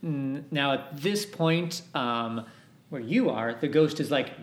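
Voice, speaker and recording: A man's voice: medium pitch, slow pace. A man acting as game master for a tabletop role-playing game, talking with many fillers and restarts. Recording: echoey room.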